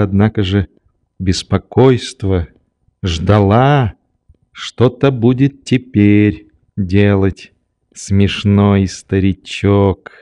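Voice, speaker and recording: A male narrator reading a classic novel aloud in a calm, measured way. His voice is mellow and dark, and he lets each sentence unfold slowly. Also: lowish voice.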